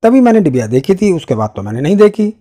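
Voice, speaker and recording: A man's voice: high-pitched, very animated, fast talker, dark tone. A man voicing a humble old male household servant, meek and pleading, in a storybook reading.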